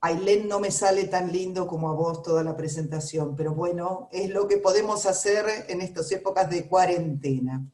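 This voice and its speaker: A woman's voice: on the low side, normal speed, hardly any pauses, a little mellow, echoey room. A woman with a Rioplatense Spanish accent hosting a radio interview, chatting with frequent fillers. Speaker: radio host.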